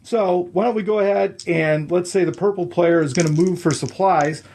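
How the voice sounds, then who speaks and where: Seated at the table, a man with a slightly high voice explains a board game's rules step by step. Patient and methodical, he counts moves aloud and pauses to make sure the listener is following.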